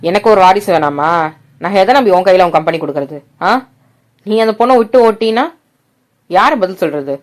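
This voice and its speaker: A woman voicing a stern middle-aged father who gives gruff commands to his son and soft, low reassurance to his wife. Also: expressive, brisk, long pauses, close to an everyday voice.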